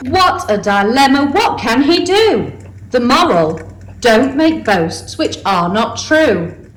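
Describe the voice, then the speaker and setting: A woman's voice: high voice, big pitch swings, slow. A woman narrating a rhyming pantomime story in a theatrical storytelling manner. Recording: echoey room with clear noise.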